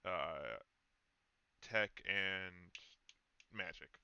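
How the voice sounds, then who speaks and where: Male streamer, lower voice, relaxed let's-play narration, slightly dull audio. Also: very slow, clear, resonant tone, no room sound. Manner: relaxed, reads story text aloud with small stumbles. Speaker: streamer reading game text. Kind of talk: casual let's play chat and narration read-aloud.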